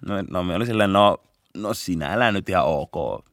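Low-voiced young man telling a story. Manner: animated storyteller who shouts during the chase and often laughs. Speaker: police officer guest. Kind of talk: casual storytelling. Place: podcast studio.

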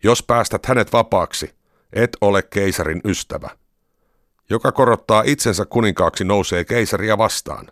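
A man's voice: deep voice, a bit bright, dry recording. Guy doing the angry crowd lines, raised insistent voice, dry close sound. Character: angry shouting crowd of men. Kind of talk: scripture reading.

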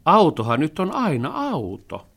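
A man voicing an eager, excitable male dog in a storybook reading, full of wishes and engine noises. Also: on the high side, creaky, pitched above the performer's own voice, full character voice.

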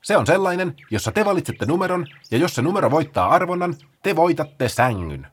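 A man voicing an energetic, bossy female sloth for a children's storybook, with a shrill, loud, excited delivery. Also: slightly rough. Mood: explaining. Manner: excited, rapid calls to rouse others.

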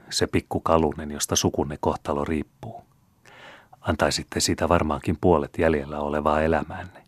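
A man reading the part of a scheming, vengeful male steward, speaking with hushed, sneering false humility in an audiobook. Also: extremely low pitch, breathy edge, no echo. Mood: mocking. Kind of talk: audiobook character voice.

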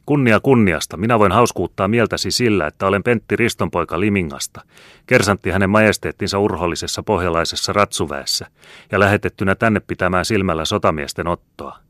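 A man voicing a boisterous bearded soldier, a sergeant who swaggers and talks loudly and heartily. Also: low voice, no echo, studio quality, voice pushed up. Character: boisterous bearded jovial soldier, male sergeant, middle-aged.

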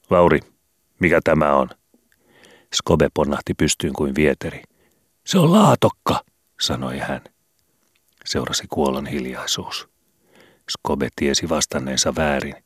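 Man, audiobook narration, very deep voice, dry close sound, measured reading. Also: dry recording. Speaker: audiobook reader.

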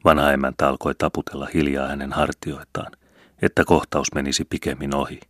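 A man reading a novel aloud as audiobook narrator, measured and steady, on a close mic. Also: a bass voice, no echo. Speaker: audiobook reader. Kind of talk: scripted narration.

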